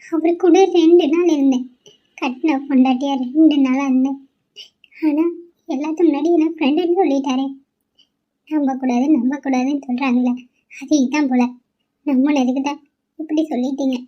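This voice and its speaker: A woman's voice: sits high, warm tone, dull audio, natural voice. A woman voicing a heartbroken young newlywed wife in a cartoon, speaking in a tearful, pleading way. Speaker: cartoon character voice. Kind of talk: cartoon voice acting.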